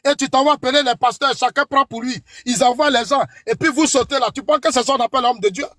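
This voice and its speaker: A man's voice: extremely high pitch, steady tone, fast talker, bright, forceful tone, dry recording, studio quality. A man with an Ivorian French accent in a heated political debate, accusing his opponent by name and warning him before God. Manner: preachy warnings invoking God.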